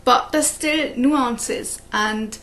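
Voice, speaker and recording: Speaking extremely slowly in a fairly high, fairly bright voice, a woman hosts a cross-stitch video as a flosstube host. She rambles in casual chat to the camera, often laughing at her own anecdotes, and English is her first language.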